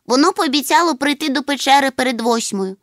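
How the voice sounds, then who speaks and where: A fretful little critter boy, high and whiny, pitch jumping all over the place, like a storybook read aloud by a woman putting him on. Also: expressive, a little fast, a bit bright, no echo, studio quality. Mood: anxious. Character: small anxious male creature, fretful and pleading. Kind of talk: audiobook character voice.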